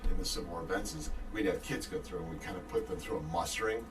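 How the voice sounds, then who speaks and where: Man, very deep voice, patient explainer, distant mic. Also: fast, faint music behind. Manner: patient, gives hints, chuckles often. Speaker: guest, war reenactor. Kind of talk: casual explaining chat.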